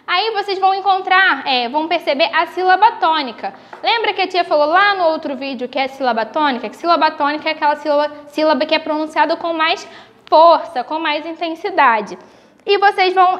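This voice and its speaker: High-voiced Brazilian teacher, slow and clear. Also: female voice, a bit bright, muffled recording. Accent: Brazilian Portuguese. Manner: slow, explanatory, stretches example words. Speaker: primary school teacher. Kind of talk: recorded video lesson for young children.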